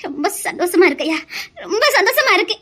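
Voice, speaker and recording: A woman's voice: very high voice, very animated, fast talker, bright, forceful tone, full character voice. A woman voicing a kindly old village mother in a cartoon, with a Tirunelveli Tamil accent, fond and blessing.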